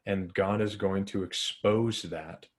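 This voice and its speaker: A man's voice: deep voice, fairly even intonation, slow. A man teaching a Bible study in an earnest, conversational way, with fillers and restarts.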